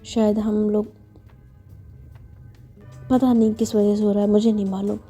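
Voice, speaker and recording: A woman's voice: mid-range voice, level tone, a little slow, mellow, slightly rough, soft background music. A woman voicing an exasperated, tired young woman who protests and scolds in a flustered way, in a read-aloud story.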